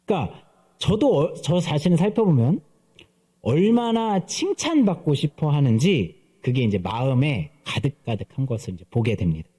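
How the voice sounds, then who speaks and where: Man, pastor, sermon, playful storytelling, mimics voices, high lively pitch. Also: normal speed, husky. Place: church sanctuary.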